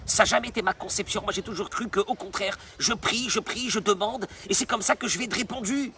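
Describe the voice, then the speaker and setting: A man's voice: high-pitched, fairly quick, crowd noise. A man, a rabbi, preaching a sermon in an emphatic way, repeating phrases for stress.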